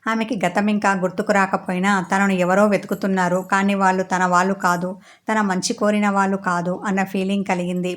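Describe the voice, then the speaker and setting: A woman narrating a romance story in a steady storytelling manner. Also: mid-range voice. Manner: steady storytelling with quoted dialogue.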